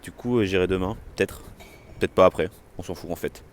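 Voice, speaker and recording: Young male vlogger, very deep voice, loud and excitable, phone-filmed outdoors with light city noise. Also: a little fast. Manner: loud, excited, slangy chatter. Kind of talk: casual street vlog.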